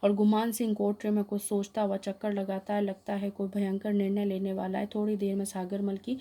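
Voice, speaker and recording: A woman's voice: mid-range voice, completely flat delivery, fairly quick, dark tone. A woman teacher reads a play aloud for her class and explains the action, with small hesitations. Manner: explanatory reading with fillers.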